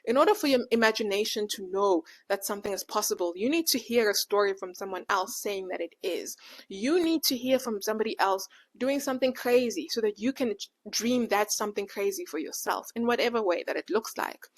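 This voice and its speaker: A woman in her late twenties who says w for r, speaking as a podcast host in casual, animated personal reflection with slangy retold dialogue. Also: mid-range voice, fairly quick. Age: late 20s. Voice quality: can't pronounce R, says w for r.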